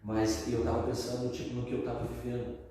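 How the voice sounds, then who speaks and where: A man's voice: mid-range voice, monotone, fairly quick, warm tone, slight background noise. A man with a Brazilian Portuguese accent telling his personal testimony in a casual, slangy way, full of fillers. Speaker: testimony speaker. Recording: echoey hall from far off.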